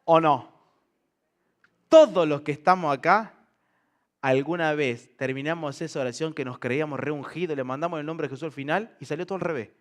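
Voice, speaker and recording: A male pastor preaches to a live congregation. His voice sits a touch high for a man. He keeps it lively and joking and throws questions at the room. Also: brisk. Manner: lively, humorous, asks the congregation rhetorical questions. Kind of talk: sermon. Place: church service before a congregation.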